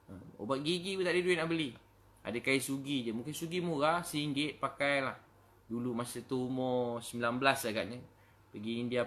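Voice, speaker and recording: A man's voice: mid-range voice, a bit bright. A middle-aged man with a Malaysian Malay accent preaching emotionally, telling stories and acting out prayers and pleas. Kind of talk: emotional religious talk.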